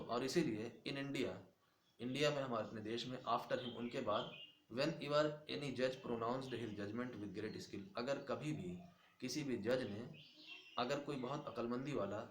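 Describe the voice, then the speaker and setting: A man teaching an English class, reading each English line slowly and then explaining it at length. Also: medium pitch. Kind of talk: classroom lesson explaining a text. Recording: echoey room, faint background noise.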